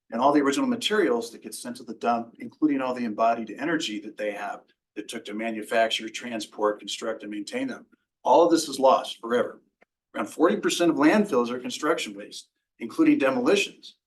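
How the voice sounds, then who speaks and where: A man's voice: mid-range voice, rough recording. Earnest man reading public comment. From Denver, Colorado. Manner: earnest, reads from notes with small restarts. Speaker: resident giving public comment. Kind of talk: prepared public testimony.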